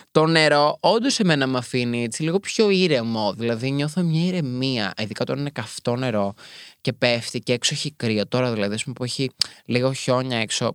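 A young man from Greece hosts a solo podcast, reading passages and then riffing in campy, chatty asides. His voice sits at a middling pitch and leaps up suddenly for comic emphasis. The sound is dry and close, with no room around it. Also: a bit bright, dry recording. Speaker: podcast host.

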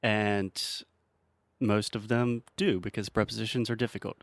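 A man's voice: lowish voice, little pitch movement, normal speed, no room sound. A man hosting an English-learning podcast, teasing his guest and explaining grammar patiently with examples. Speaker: podcast host and English teacher. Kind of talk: casual teaching chat.

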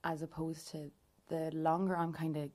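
Low, even-voiced young Irish woman. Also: moderate pace. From County Louth, Ireland. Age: 20s. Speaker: interview guest, youth political group member. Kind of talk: conversational interview answers.

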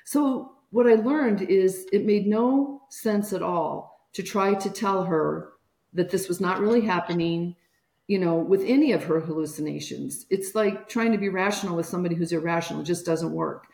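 A woman's voice: on the low side, moderate pace, vocal fry, darkish tone, echoey room. A woman guest on a podcast interview, telling a personal caregiving story and acting out the voices of people she quotes.

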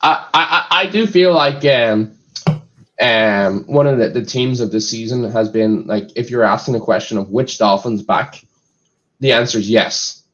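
A man's voice: mid-range voice, measured pace, fairly bright tone, muffled recording. A man guest-analyst in a casual sports chat, speaking hesitantly with frequent stutters and fillers.

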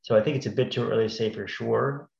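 A man's voice: medium pitch, steady tone, fast talker, vocal fry, a little mellow. A man giving conversational financial commentary as a panel guest, hesitant and often rephrasing. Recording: roomy, slightly dull audio.

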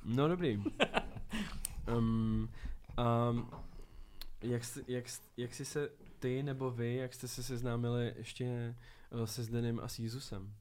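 A man's voice: medium pitch, flat delivery, darkish tone, a little hiss or hum. A man hosting a casual podcast conversation, joking and slangy as he asks questions. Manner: joking, slangy, apologetic asides. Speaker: podcast host.

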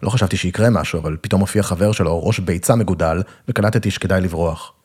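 A man's voice: low-pitched, a little mellow, breathy edge. A man reading a first-person literary story in a wry, self-mocking way.

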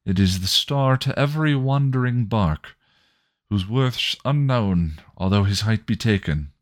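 A man voicing a gentle, romantic male poet who recites verse slowly and lyrically. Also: lowish voice, lively intonation, dry recording, studio quality, voice pushed up. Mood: tender. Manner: slow, lilting recitation of verse.

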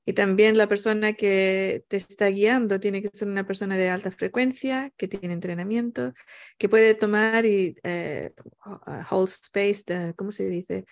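A woman with a gravelly fry in her voice talks at a slow pace. She is casual and reflective, often pausing to find a word and slipping into English. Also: mid-range voice, steady tone. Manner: searching for words, dropping in English. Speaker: panel participant.

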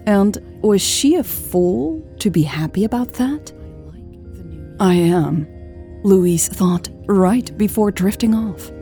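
A woman narrating an audiobook in a measured, steady reading at a close microphone. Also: mid-range voice, soft background music.

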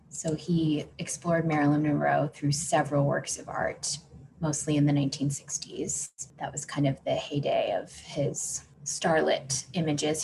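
Low-voiced chatty woman podcaster. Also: darkish tone, slight background noise. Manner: chatty, frequent "like" fillers, laughs often. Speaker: podcast host. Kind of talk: casual chat.

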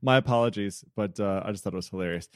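A man's voice: fairly low pitch, very fast, no echo, clean studio sound. Chatty American man co-hosting. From United States. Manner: chatty, self-deprecating, rambling. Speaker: podcast co-host. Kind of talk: casual chat.

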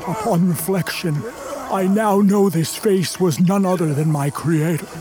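A man playing Frankenstein's newly made creature in a radio play, sensitive and yearning, narrating in formal, measured, literary language. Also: high-pitched. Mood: wondering, solemn. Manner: formal, literary, measured storytelling with drawn-out words.

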